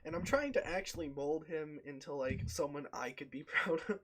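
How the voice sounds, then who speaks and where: Casual male player, slightly higher voice, rambling tabletop chat with in-character asides. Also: normal speed, a bit bright.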